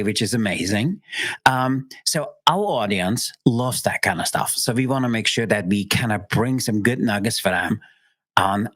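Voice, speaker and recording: A man's voice: medium pitch, a bit bright, dry recording. A man hosting a podcast, chatting casually and enthusiastically with his guest. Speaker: host. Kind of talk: podcast interview.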